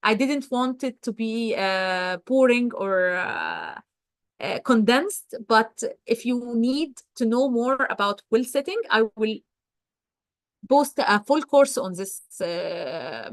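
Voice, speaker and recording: A woman's voice: a little high, animated, takes it slowly, dry recording. Dry-voiced woman presenting a webinar. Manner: hesitant, many fillers and restarts. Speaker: webinar presenter, wellsite geologist. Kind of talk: answering questions in a live webinar.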